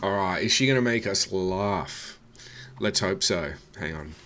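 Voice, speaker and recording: A man's voice: low voice, expressive, unhurried, over a noisy crowd, heavy background noise. A man mocking a comedy set as a reaction host, swearing freely and sneering. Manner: mocking, swears freely, calls people love. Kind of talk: sarcastic reaction commentary.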